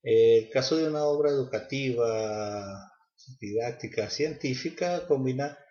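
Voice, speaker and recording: A man's voice: mid-range voice, a little slow, warm tone, dull audio. Hesitant student man in echoey room. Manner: hesitant, with fillers and restarts. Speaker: student presenter. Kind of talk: class presentation.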